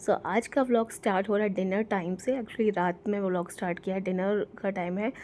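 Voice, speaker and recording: A woman's voice: mid-range voice, steady tone, a little fast, darkish tone, a little hiss or hum. A young woman chatting casually at home into her phone's front camera, teasing playfully about her toddler. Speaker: vlogger. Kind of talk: casual home vlog narration. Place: home bedroom.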